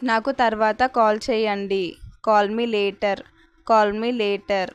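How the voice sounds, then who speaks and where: Slow, even-toned Telugu-accented woman teacher. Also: mid-range voice, smooth, highs cut off. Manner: says each English phrase twice, slowly and distinctly. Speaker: spoken English teacher. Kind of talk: slow repeat-after-me phrase drill.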